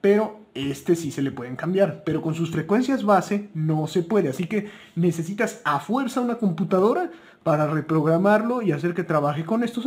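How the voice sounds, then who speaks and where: His voice is high with a darkish tone as he shares shopping tips in an unscripted, conversational manner. He speaks with a Mexican Spanish accent and corrects himself mid-stream.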